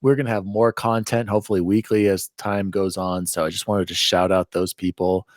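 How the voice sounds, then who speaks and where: A man hosting a casual gaming podcast, excitable and laughing through his shout-outs. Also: low voice, brisk, dry recording, studio quality. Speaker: podcast host.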